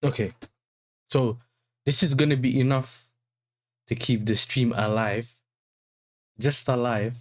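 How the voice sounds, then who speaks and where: A man's voice: mid-range voice, steady tone, takes it slowly, long pauses, darkish tone. A man with an urban London roadman accent, hosting a casual football livestream in slangy talk full of tag questions. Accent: London, urban street style.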